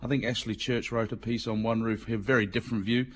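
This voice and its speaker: Speaking fast in a steady, lowish voice, a middle-aged financial markets commentator with a Mancunian English accent runs through a business segment on the radio. He keeps it conversational and puts things in plain terms.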